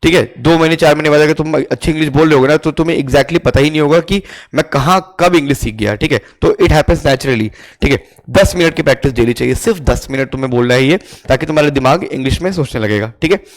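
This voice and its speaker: A young man with an Indian accent teaches in an easy, conversational way, switching between Hindi and English. He reads English phrases out slowly and keeps checking in with the listener. His voice sits a little above the usual pitch for a man. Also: poor audio. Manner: conversational, keeps asking "theek hai?". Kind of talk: Hinglish teaching monologue.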